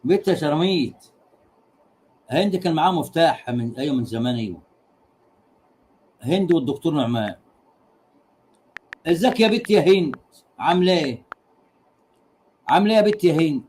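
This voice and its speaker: A rowdy Egyptian man with a fairly high voice hosts a casual livestream. He teases his audience, repeats the same punchline again and again, and breaks into laughter between crude jokes. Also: expressive, fairly quick, long pauses, a little mellow, a little hiss or hum. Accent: Egyptian Arabic. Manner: laughs often while talking. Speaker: livestream host.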